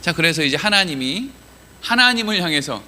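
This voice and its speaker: A man's voice: a little high, sing-song, a little fast, sharp tone. A man preaching a Wednesday evening sermon in a church, chatty and joking, quizzing the listeners. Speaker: pastor.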